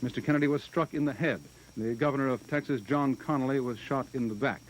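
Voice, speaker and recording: A male news announcer reading a 1960s television bulletin in a formal, measured way, heard as an old newsreel broadcast. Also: mid-range voice, slight background noise, rough recording.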